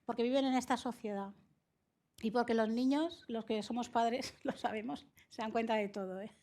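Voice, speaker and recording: A woman psychologist answering interview questions in a measured, explanatory way, often laughing, from Spain. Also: fairly high pitch, fairly even intonation, a little mellow. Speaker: psychologist guest.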